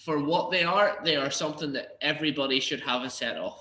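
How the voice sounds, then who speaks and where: A man's voice: fairly high pitch, quick pace, pushed and bright, roomy sound. A man co-hosting a podcast, upbeat and steering the conversation. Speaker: podcast co-host. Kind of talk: casual podcast chat.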